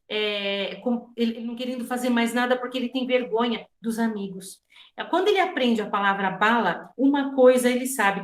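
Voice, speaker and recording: A woman's voice: fairly high pitch, a little hiss or hum. A Brazilian woman with a Brazilian Portuguese accent leads a teacher training session, explaining in a loose way that repeats words and circles back. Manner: explanatory, repeats herself often. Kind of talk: informal teacher training talk. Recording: echoey room.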